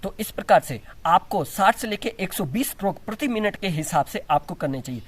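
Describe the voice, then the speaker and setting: Demonstrating as he goes, this yoga instructor walks through yoga and breathing exercises step by step, often restarting his sentences. He has a high voice with lively intonation and talks a little fast.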